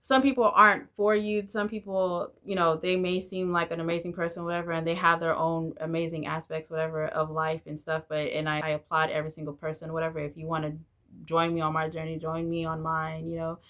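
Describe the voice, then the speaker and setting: A woman in her forties, a native Spanish speaker, talks candidly to camera in a rambling vlog. Her voice sits low and a little bright, and she delivers it flatly at a slightly fast clip.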